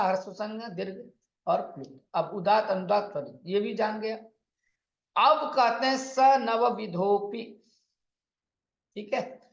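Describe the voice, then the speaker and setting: A man teaching Sanskrit grammar in an online lecture, explaining patiently and repeating lists, sometimes chanting sutras slowly. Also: high voice, a bit bright. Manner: slow, patient explaining with repetition and counting out lists. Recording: echoey, dull lo-fi room recording.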